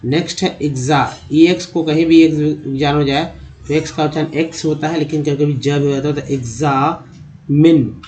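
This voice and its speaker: Guy teaching english reading in hindi, spells out letters slow then says the word, fairly high voice. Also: fairly even intonation, a little mellow. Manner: spells words out letter by letter, slowly sounding them out; calls viewers "dosto" in a friendly teaching tone.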